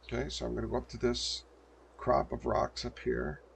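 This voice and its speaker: An older man streams gameplay at a desk mic, muttering casual commentary to himself as he plays. His mid-range voice is expressive with vocal fry at a moderate pace, and there's a little hiss or hum.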